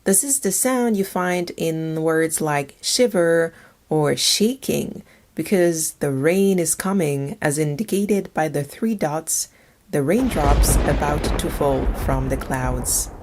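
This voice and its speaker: A woman narrates a scripted language lesson at a very slow, careful pace. Her voice sits a little low, and she says each letter name twice before explaining it. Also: expressive, a little mellow. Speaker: language teacher.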